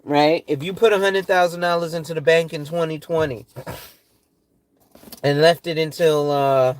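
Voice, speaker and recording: A man's voice: on the high side, steady tone, normal speed. A tired man in his forties, a financial advisor talking loosely and profanely through money tips, often checking in with "right?". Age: 40s. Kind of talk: casual talk reading through financial tips.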